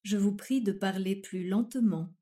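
An actress playing a slow, overly formal woman who never understands the question, in a surreal comic dialogue. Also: medium pitch, warm tone, close to an everyday voice. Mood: overly polite. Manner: formal, deliberate, fussy politeness.

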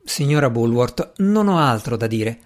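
A man reading aloud voices a reserved gentleman magician, curt and measured in his speech. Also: mid-range voice, animated, natural voice. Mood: firm. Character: brusque reserved gentleman magician, cool and dry.

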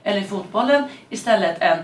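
A woman's voice: mid-range voice, animated. A woman chatting casually as a podcast guest, talking at length with many fillers and asides. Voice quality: talkative, digressive with many fillers. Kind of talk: casual chat. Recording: roomy and distant with faint noise.

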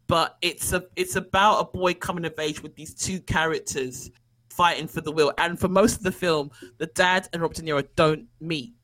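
Man, podcast co-host, lively scene retelling, bright tone. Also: on the high side, normal speed, low-quality recording. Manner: animated storytelling, acts out quoted lines. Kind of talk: casual film chat.

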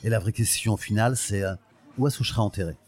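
A Portuguese olive oil producer in his sixties tells his story as a guest in a podcast interview, speaking low and quickly with a darkish tone. Thoughtful, he often hesitates searching for words, and speaks fondly and proudly of his home region.

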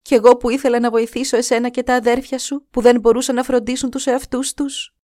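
A woman's voice: fairly high pitch, a little mellow, no echo, studio quality, voice pushed up, natural voice. A woman voicing a wounded young wife who warns her husband to stay away. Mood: pleading, tearful.

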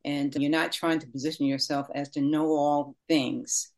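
A woman's voice: sits low, little pitch movement, moderate pace, darkish tone. A woman hosting a podcast, asking questions and giving appreciative comments. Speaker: podcast host. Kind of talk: casual podcast interview.

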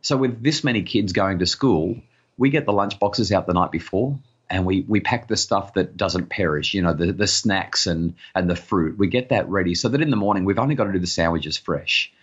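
A middle-aged man talks as a guest on a parenting podcast. His voice sits low and has a breathy, husky edge. He speaks earnestly and often stumbles over repeated words, and the audio comes through muffled and lo-fi. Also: normal speed. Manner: earnest, repeats words when starting sentences; acts out harried parent voices in higher pitch. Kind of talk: podcast interview conversation.

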